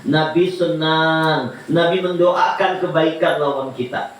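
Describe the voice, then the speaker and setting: A man preaching a sermon, lively and jokey, often rising into high pleading cries. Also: takes it slowly. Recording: echoey hall from far off.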